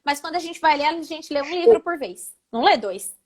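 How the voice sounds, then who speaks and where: A woman with a high voice teaching public speaking in a live online session. She explains things step by step and often shows what she means by shifting her intonation. She sounds like she is on a video call. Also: animated, a little fast, a little mellow. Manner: didactic, demonstrates intonations. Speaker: oratory instructor, guest speaker.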